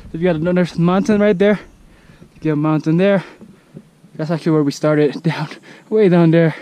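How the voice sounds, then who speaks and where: Excited young man vlogging on a summit. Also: on the high side, slight background noise. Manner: excited, repeats himself, talks straight to viewers. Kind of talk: casual travel vlog. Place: mountain summit outdoors.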